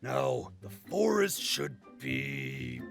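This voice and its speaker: A man voicing Dorino, a loud, jittery fantasy adventurer who shouts when nervous, in a comedic audio drama. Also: on the low side, huge pitch swings, extremely slow, vocal fry, faint music behind, full character voice. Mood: exasperated.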